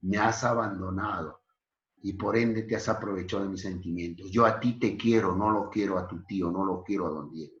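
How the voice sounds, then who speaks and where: A man's voice: low voice, brisk, lightly acted. Man doing a hurt young woman in love. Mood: reproachful. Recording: echoey, dull lo-fi recording.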